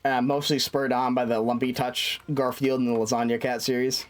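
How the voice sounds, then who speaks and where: A man's voice: mid-range voice, little pitch movement, normal speed. A man streaming a game, chatting casually, swearing and muttering to himself. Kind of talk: casual livestream chat.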